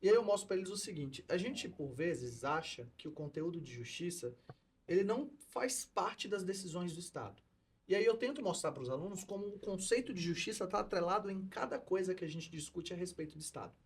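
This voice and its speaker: A man's voice: sits high, animated, a little fast, slight background noise. A man co-hosting a podcast discussion, explaining political philosophy in a lecturing tone as a teacher. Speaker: co-host, law and philosophy teacher.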